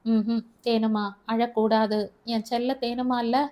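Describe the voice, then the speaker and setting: A woman reading the lines of a young husband in an audiobook, gentle and soothing, speaking affectionately to his new wife. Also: on the high side, steady tone, unhurried, natural voice. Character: young husband, tender and reassuring. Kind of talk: audiobook character voice.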